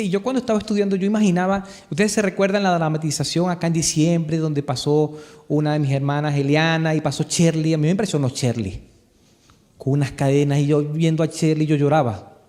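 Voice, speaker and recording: A Chilean pastor with a high, darkish-toned voice preaches a live sermon in church. He brings the story to life with animation and keeps asking the congregation questions, all in Chilean Spanish.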